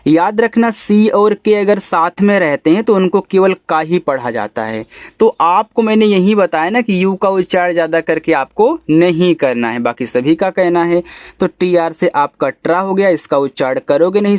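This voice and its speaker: A man teaching English phonics to beginners, spelling letters out slowly and then saying each word lower. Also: expressive, darkish tone, no echo, clean studio sound. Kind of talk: phonics lesson explanation.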